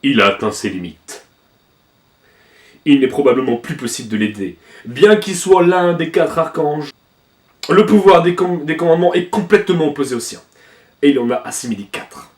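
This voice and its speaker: A man voicing a grave young male fairy king, speaking low and solemnly. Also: moderate pace, reverberant, distant mic, natural voice.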